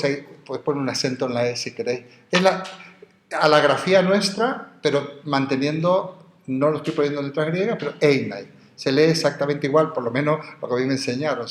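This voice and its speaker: A man gives a university philosophy lecture, wandering into asides as he explains Greek terms. His voice sits at an ordinary middle pitch, and it carries a noticeable room echo the classroom. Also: slight background noise. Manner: digressive, explains Greek terms slowly, spells words out.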